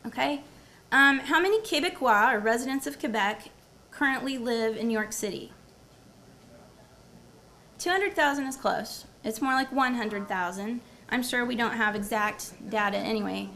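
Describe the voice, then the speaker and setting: A woman professor speaks at a university symposium, her fairly high voice carrying a gravelly edge. She lectures from a prepared talk, then turns to quiz the room and echo back their answers. Faint noise hums behind her in the lecture room. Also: normal speed, sharp tone. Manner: engaging, quizzes the audience and repeats their answers. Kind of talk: academic presentation with audience quiz. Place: lecture room before a live audience.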